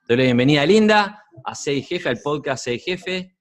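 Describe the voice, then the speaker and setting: A man's voice: on the high side, expressive, moderate pace. A man with a Rioplatense Spanish accent, hosting a podcast in a friendly, curious, conversational way. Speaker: podcast host. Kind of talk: podcast interview.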